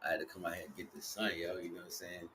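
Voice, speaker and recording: Outdoors, a man hosting a livestream gives a casual, freeform spiritual talk, repeating himself and often checking that listeners are following. His deep voice is steady in tone, very fast, pushed and bright, with slight background noise.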